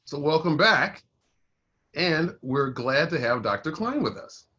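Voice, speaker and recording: A man playing a facilitator who leads a group talk with calm, encouraging questions in a video-call play. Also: on the high side, unhurried, highs cut off. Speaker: workshop facilitator on race.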